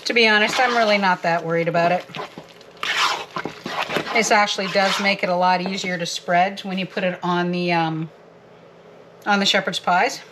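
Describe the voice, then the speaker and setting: A woman's voice: lowish voice, steady tone, normal speed, long pauses, noisy background. Casual home-cook woman, giggly and talkative, faint kitchen ambience. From Canada. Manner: chatty, giggly, talks to viewers while working. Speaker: homestead vlogger. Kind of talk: casual cooking vlog.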